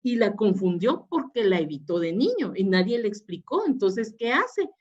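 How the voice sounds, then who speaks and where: A woman lectures on a webinar as a psychologist. She explains things step by step, often pausing on fillers and restarting her sentences. Her voice sits in a middle pitch and comes through muffled, lo-fi audio. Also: big pitch swings, darkish tone.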